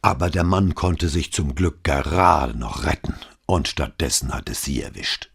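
A man's voice: extremely low pitch, lively intonation, a little slow, creaky, breathy edge, heavily acted. A man reading the part of a gossipy male newsagent in an audiobook, gloating and conspiratorial as he relays bad news. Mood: gossiping. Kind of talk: audiobook dialogue.

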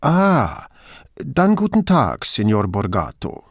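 A man's voice: big pitch swings, a little slow, dry recording, studio quality. A man playing a fussy, timid office bureaucrat. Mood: fussy, submissive. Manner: pedantic, submissive, raised pitch.

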